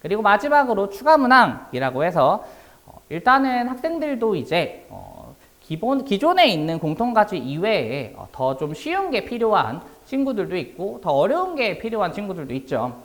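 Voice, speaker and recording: A male academy instructor presents a prepared class, explaining things politely and formally at a normal speed. His fairly bright voice is a little hoarse and worn, and his pitch swings hugely.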